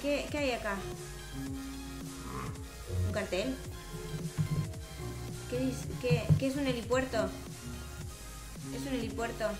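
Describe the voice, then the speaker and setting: Her voice is on the high side, and she takes it slowly with frequent pauses, the sound roomy. A young woman with a Rioplatense Spanish accent, she improvises a gameplay roleplay chat, expressive and full of questions, over music.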